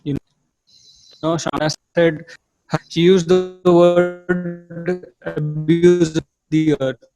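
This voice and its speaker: A man speaking as a guest on a remote call whose audio keeps breaking up, talking haltingly with many fillers and restarts. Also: a little high, little pitch movement, loud music behind the voice, rough recording. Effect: breaking, glitchy online call audio. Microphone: remote video call with weak reception.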